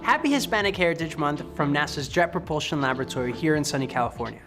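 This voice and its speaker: A man from Ecuador, a test and operations engineer, giving an upbeat, brisk scripted statement. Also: on the high side, expressive, music in the background.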